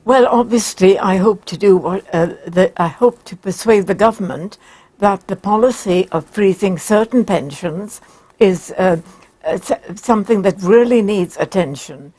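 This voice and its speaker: A woman, a very old woman speaking formally and haltingly in a studio interview. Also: mid-range voice, mellow. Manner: halting, formal, carefully worded. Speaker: campaigner interviewed as guest. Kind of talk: broadcast interview. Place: broadcast studio.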